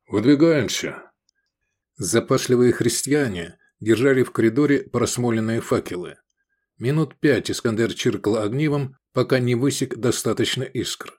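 A man's voice: medium pitch, normal speed. A man narrating an adventure novel aloud as an audiobook, switching into voices for the characters. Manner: lively storytelling, voices the characters. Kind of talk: scripted narration.

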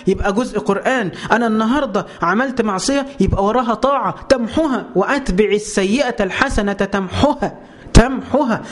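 High-voiced fast Egyptian preacher man. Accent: Egyptian Arabic. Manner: rhetorical questions answered himself, impassioned. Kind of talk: Egyptian Arabic religious lesson.

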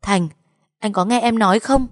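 A woman's voice: on the high side, normal speed, no room sound, clean studio sound, pitched above the performer's own voice, close to an everyday voice. A woman voicing a young wife crying out in tearful, desperate pleas. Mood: desperate pleading. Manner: pleading, tearful cries. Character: young wife, frantic and grief-stricken.

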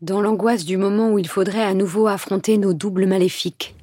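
A woman's voice: medium pitch, steady tone, brisk, dark tone, husky, no room sound. A woman narrating a radio drama in a dry, ironic tone.

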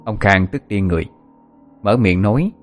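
A man with a low voice tells a dramatic story in steady, scripted narration. He, and faint music plays behind him. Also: normal speed.

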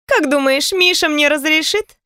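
A woman's voice: high voice, normal speed, dry recording, clean studio sound, voice pushed up. A woman voicing a chatty, nosy pregnant young friend who teases and pushes. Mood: teasing, excited. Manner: teasing, excitable, pushy. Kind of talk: audiobook character reading.

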